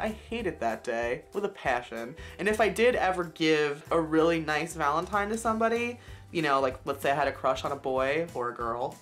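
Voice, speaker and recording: A woman's voice: low voice, fairly bright tone. A young woman chatting to her viewers while doing her makeup at home, confiding and talking straight to camera. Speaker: beauty vlogger. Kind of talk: casual makeup tutorial chat.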